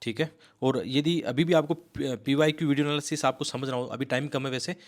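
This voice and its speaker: A man giving a rapid, emphatic exam-prep lecture, coaxing his students and mixing in English words. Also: mid-range voice, steady tone. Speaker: civil service exam coaching teacher. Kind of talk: fast explanatory lecture.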